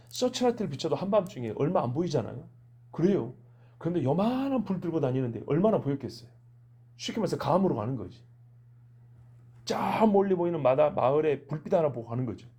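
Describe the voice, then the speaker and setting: A man preaching at a live dawn prayer service, his husky, darker voice swinging widely up and down. He acts out quoted speech in sudden loud outbursts between stretches of plain explanation. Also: a little high. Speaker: pastor.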